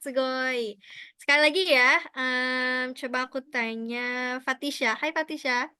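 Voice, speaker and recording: A woman teaching a language class online, chatty and encouraging, often cheering her students on with quick praise. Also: high voice, fairly even intonation, pushed and bright, clean tone, no room sound, clean studio sound. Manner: chatty, encouraging, mixes in English and Japanese praise.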